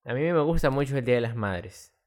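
A man's voice: mid-range voice, expressive. Young guy on a podcast, jokey and teasing, normal mid voice. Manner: teasing, jokey, quick asides. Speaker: podcast co-host. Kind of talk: casual chat.

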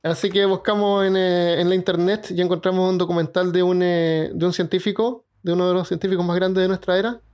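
A man's voice: high-pitched, flat delivery, a little fast, few pauses, darkish tone. Upbeat man co-hosting a podcast. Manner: laughs often, wraps up and explains. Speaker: podcast co-host. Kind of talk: casual podcast chat.

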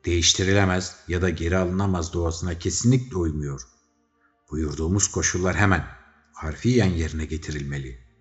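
A man's voice: low-pitched, highs cut off. A man voicing a pompous male plague king who delivers a solemn decree in an audiobook.

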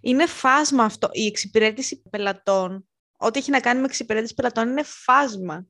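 A young woman co-hosting a podcast, telling work stories in a lively way and acting out what people said. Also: fairly high pitch. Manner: animated, acts out quotes of rude customers. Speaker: podcast co-host. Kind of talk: casual chat, storytelling.

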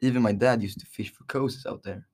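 A man's voice: fairly low pitch, fairly even intonation, brisk, a little mellow. Teddy Duchamp, cocky hot-headed boy played by a man. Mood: eager. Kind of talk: amateur dramatic read-through.

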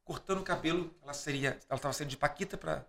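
A man's voice: on the high side, racing, gravelly, a little hiss or hum. A Brazilian man, a podcast guest, telling anecdotes with animation and acting out the dialogue in different voices. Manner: acts out dialogue in quoted voices; lively storyteller, laughs between lines.

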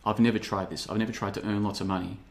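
A man in his thirties talks through a casual livestream monologue, his voice sitting on the low side. He rambles, repeats himself and slips into mocking impressions of other people with a sarcastic streak. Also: fairly even intonation, racing. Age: 30s. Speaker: podcast host.

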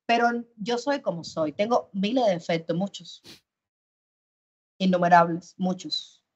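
A woman guest on an interview show who talks in a loud, emphatic and animated way. Her voice swings between loud bursts and soft asides. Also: lowish voice, unhurried, slightly rough. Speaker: actress guest. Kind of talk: casual interview chat. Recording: dull lo-fi sound.

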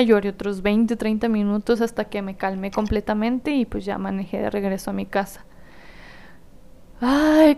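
A young Mexican woman hosts her own podcast and tells a personal story in a candid, slangy, emotional way. Her voice is strikingly clear and smooth, and it sits a little high for a woman. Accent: Mexican Spanish. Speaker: podcast host.

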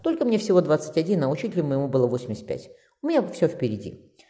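A man's voice: a little high, wildly swooping pitch, racing, background noise, pitched above the performer's own voice. A man reading as a kind, earnest young man. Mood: gentle. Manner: gentle, reassuring. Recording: long reverb.

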